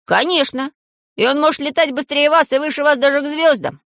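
A woman voicing an eager, excitable young boy who keeps exclaiming and asking questions in a storybook reading. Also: sits high, brisk, no room sound, studio quality, voice pushed up, exaggerated voice.

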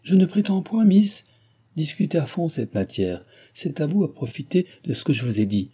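Figure: arrogant former guardian voiced by a man, proud, preachy, dark husky voice. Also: fairly high pitch, sing-song, normal speed, pitched above the performer's own voice. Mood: haughty, lecturing. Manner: haughty, lecturing.

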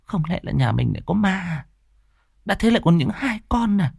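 A man voicing a fretful village mother, high and wailing. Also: big pitch swings, moderate pace, gravelly, darkish tone, slightly rough, no echo, clean studio sound, full character voice. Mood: alarmed. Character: scolding female peasant mother, anxious and tearful.

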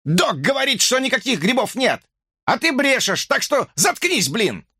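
A man's voice: a little high, sing-song, unhurried, pushed and bright, breathy edge, dry recording, clean studio sound, full character voice. A man reading an audiobook, voicing an agitated, sleep-deprived young man who pleads and erupts in outbursts. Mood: furious. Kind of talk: audiobook character voice.

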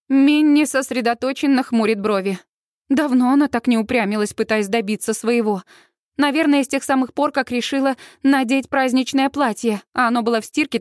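A woman reading a first-person audiobook with lively, expressive narration. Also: fairly high pitch, no echo, clean studio sound.

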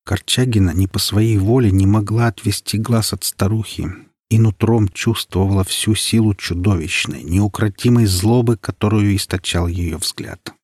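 A man narrates an audiobook in a steady, ominous manner. His voice is low and husky. The recording is dry and close. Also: no echo. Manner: measured, ominous storytelling.

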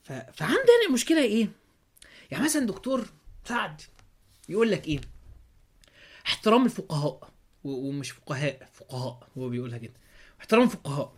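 A man's voice: sits high, huge pitch swings, fast, pauses often. A man with an Egyptian Arabic accent hosting a podcast, giving a religious commentary monologue full of sarcastic rhetorical questions. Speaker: podcast host.

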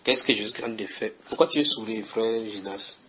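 A man's voice: lowish voice, normal speed, bright, forceful tone, slight background noise. A man preaching at a house church, reading Bible verses and questioning his listeners in a conversational way.

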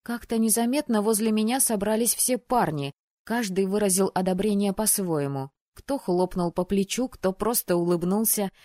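A woman reading a fantasy audiobook in the first person, her mid-range voice even and measured. The recording is dry and close, with no room around her. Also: mid-range voice, dry recording. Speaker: audiobook narrator.

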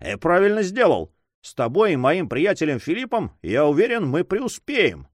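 A man voicing a cheerful, calm buccaneer friend in a read-aloud adventure story. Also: fairly high pitch, normal speed, no room sound, pitched above the performer's own voice. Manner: cheerful, easygoing.

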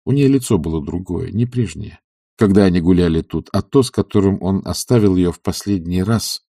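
A man narrating a classic novel as an audiobook, measured and expressive. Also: low-pitched, gravelly, no echo, clean studio sound. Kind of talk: literary audiobook reading.

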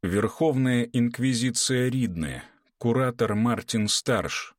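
A man voicing a cold male inquisitor who speaks slowly and deliberately, with dry sarcasm. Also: medium pitch, no room sound, close to an everyday voice.

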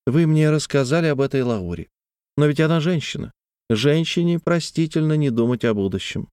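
A man's voice: fairly high pitch, expressive, normal speed, darkish tone, smooth, no room sound, studio quality, voice pushed up, lightly acted. A man reading a reserved, proud young woman. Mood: reproachful.

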